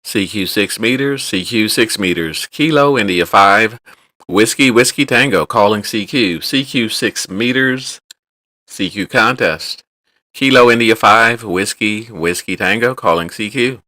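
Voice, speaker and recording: Man making bright ham radio calls. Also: fairly low pitch, a little slow, dry recording. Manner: loud, sing-song repeated ham radio calls. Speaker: amateur radio operator in a contest. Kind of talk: calling CQ on air with phonetic call sign.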